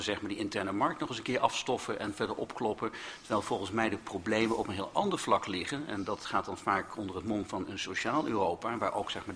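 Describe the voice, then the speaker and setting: A man's voice: on the low side, a bit bright, a little hiss or hum. A man speaking as a guest in a political debate, building his point with imagery and many filler sounds. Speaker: panel guest.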